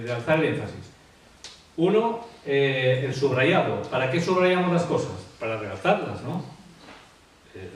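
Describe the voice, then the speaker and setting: Male expert, hesitant explainer, mid pitch, distant mic, roomy echo. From Asturias, Spain. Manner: hesitant, many fillers and tag questions. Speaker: graphologist. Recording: echoey room, off-mic, faint hiss.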